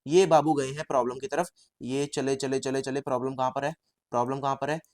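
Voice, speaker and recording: A man teaching statistics as a story, lively and repetitive, often calling his viewers brother. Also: medium pitch, brisk, a little hiss or hum. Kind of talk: storytelling lecture.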